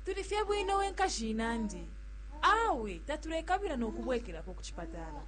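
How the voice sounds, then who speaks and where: A woman's voice: high-pitched, sing-song, fairly quick, a bit bright. A woman playing a hesitant young new mother, asking doubtful questions in an acted radio health spot. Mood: doubtful, questioning. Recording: humming, slightly noisy recording.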